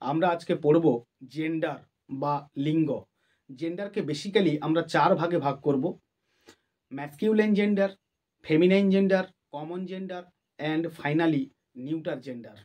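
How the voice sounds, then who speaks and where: A man's voice: fairly high pitch, slow, pauses often, darkish tone. A man with a Bengali accent teaching an English grammar lesson, methodically listing numbered rules and examples. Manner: methodical, lists terms with numbered points and examples.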